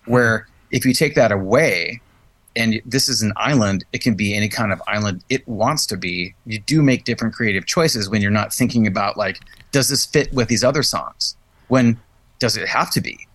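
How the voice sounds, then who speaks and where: A man's voice: lowish voice, moderate pace, a bit bright, dry recording. A man hosting a podcast, chatting in a thoughtful, searching way and often restarting phrases. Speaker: podcast host, musician. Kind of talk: casual chat.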